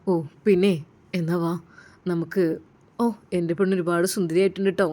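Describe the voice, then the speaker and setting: A woman voicing a sweet-talking, scheming male doctor who speaks to his wife in a low, coaxing way. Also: level tone, normal speed, warm tone, close to an everyday voice. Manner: coaxing, turning menacing.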